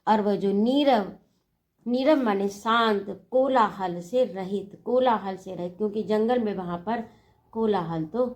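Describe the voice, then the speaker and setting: A woman's voice: mid-range voice, unhurried, a little mellow. A woman teacher explaining a poem, reciting each line and then paraphrasing it in simple words. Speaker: Hindi teacher.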